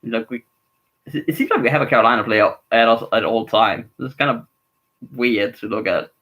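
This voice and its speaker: A man's voice: mid-range voice, moderate pace, sharp tone, low-quality recording. Male streamer, casual live hockey reactions, rambling and frustrated with his team, mid-range voice. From Denmark.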